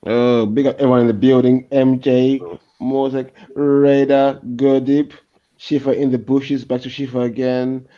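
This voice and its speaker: A man hosting a live stream, giving slangy shout-outs in a roll-call delivery. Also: medium pitch, flat delivery, measured pace. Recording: dull lo-fi mic.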